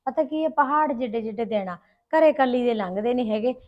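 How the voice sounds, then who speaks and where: A woman's voice: fairly high pitch, expressive, fairly quick, close to an everyday voice. A woman playing a dutiful village wife in an amateur short film, explaining herself a little defensively. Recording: dull lo-fi sound.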